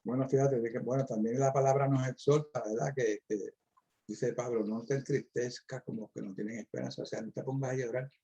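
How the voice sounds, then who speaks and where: Give me a middle-aged man with a dark, relaxed voice leading a Bible talk and quoting verses. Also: medium pitch, brisk, gravelly, dull audio. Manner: preacherly, quotes scripture and stresses key words. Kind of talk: Bible discussion.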